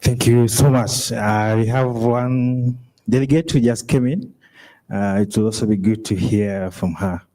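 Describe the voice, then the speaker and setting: Man facilitating a meeting, mellow voice. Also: medium pitch. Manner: relaxed, halting with fillers. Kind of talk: running a workshop session.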